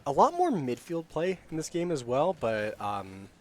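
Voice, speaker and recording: A man giving casual live color commentary on an esports match, chatty and quick to laugh. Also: a little high, wildly swooping pitch. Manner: chatty, laughs often, gets loud on big plays.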